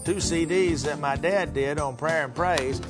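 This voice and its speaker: Higher-voiced man promoting, music behind. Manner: halting, hesitant phrasing. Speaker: radio co-host, preacher. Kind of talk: unscripted product promotion.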